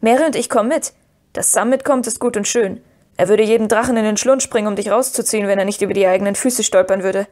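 A woman reading the part of Pippin, a cheeky young male hobbit with a teasing, lively way of talking. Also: medium pitch, fast, natural voice. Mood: insistent.

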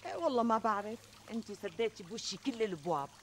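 An actress playing a flattering, reassuring middle-aged Syrian friend who talks emphatically in a TV comedy. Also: female voice, mid-range voice, very fast, close to an everyday voice. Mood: concerned. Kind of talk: conversational TV comedy sketch acting. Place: outdoors in a garden. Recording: outdoor ambience, trickling water noise.

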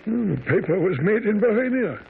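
An actor playing a mild, loyal doctor companion, speaking in a measured way in a radio mystery. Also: male voice, sits high, very animated, vocal fry, husky, exaggerated voice. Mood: puzzled, tentative. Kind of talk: radio drama acting and narration. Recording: tinny old radio recording.

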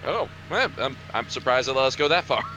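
A man, a voice actor in a group game playthrough, chats casually and banters with friends over gameplay. His medium-pitched voice is animated, bright and forceful, and he speaks fairly quickly. Video game music plays in the background.

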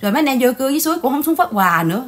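A woman's voice: high-pitched, very animated, racing. A woman born in Vietnam hosting a channel, chatting indignantly in casual gossip commentary and often calling out to her viewers. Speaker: channel host.

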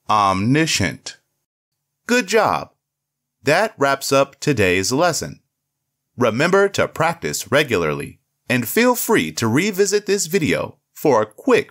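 A man with an American accent narrating a scripted pronunciation lesson in a slow, clear dictionary style. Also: mid-range voice, a bit bright. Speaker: pronunciation tutorial host.

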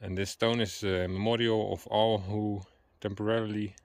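A man whose native language is Dutch chats playfully as he walks through a forest, sometimes hunting for the right English word. His voice sits on the low side, with a level tone and a moderate pace. It's a casual outdoor conversation with no echo.

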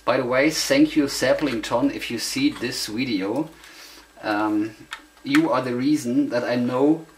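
Beside tape machines in an indoor room, a hobbyist with a German accent, German being his native language, demonstrates things casually in halting, self-conscious English, groping for words. He speaks at a mid-range pitch and measured pace; the camera mic yields noisy, clicky amateur audio.

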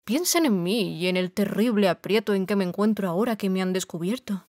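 A woman's voice: medium pitch, fairly quick, darkish tone, no room sound, studio quality, lightly acted. A woman voicing a timid aging little man who poses as a great wizard, speaking meekly and shakily in an audiobook. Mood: humble. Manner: shaky, meek.

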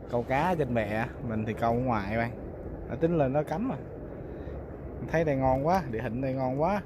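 A fishing vlogger with a Southern Vietnamese Mekong Delta accent chats casually and colloquially to his viewers, often exclaiming, in a mid-range male voice. He's outdoors on a small boat on a river, and the clear recording picks up the boat's noise.

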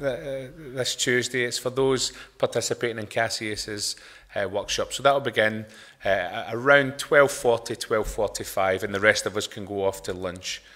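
A man's voice: medium pitch, bright, forceful tone. A man in his thirties with a Glasgow accent, giving informal announcements as he leads a chapel gathering from the lectern. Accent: Glaswegian Scottish. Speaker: chapel service leader. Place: brick-walled chapel with a seated congregation. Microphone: lectern microphone.

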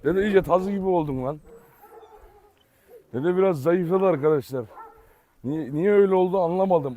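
A man filming his dogs on a farm, chatting casually to viewers and loudly calling and commanding the dogs, with dogs barking behind. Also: fairly high pitch, dry recording, studio quality. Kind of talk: casual vlog narration. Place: outdoor farm yard with dogs.

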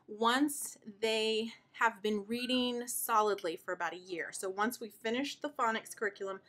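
Woman, 30s, out of breath, sighing, chatty, enthusiastic, homeschool show-and-tell. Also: mid-range voice. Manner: chatty and warmly enthusiastic, with fillers. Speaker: homeschooling mother and video host. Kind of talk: casual show-and-tell explanation.

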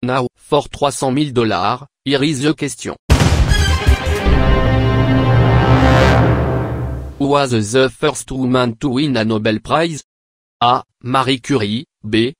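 A man's voice: mid-range voice, a little slow, dry recording, studio quality, natural voice. Man playing a pompous, mocking game show host. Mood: posing questions. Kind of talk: cartoon parody game show hosting.

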